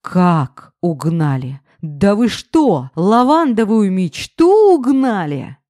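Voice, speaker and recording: A woman voicing a pushy, drunken ex-husband who talks cocky and loud. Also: fairly low pitch, sing-song, moderate pace, dry recording, studio quality. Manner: boisterous, cocky.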